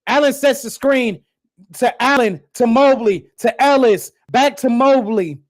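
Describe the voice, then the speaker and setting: A fan host calling a basketball game live, with profane, exasperated rants that burst into shouting and dry sarcastic asides. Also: medium pitch, unhurried. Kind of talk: live game reaction and play-by-play commentary. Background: faint background music.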